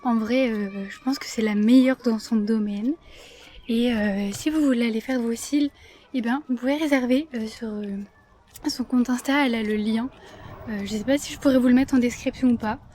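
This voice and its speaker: A woman's voice: on the high side, steady tone, normal speed, mellow. A young woman chatting casually to her camera in a vlog, with many fillers and repeated words. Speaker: vlogger. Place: out and about in town, café terrace.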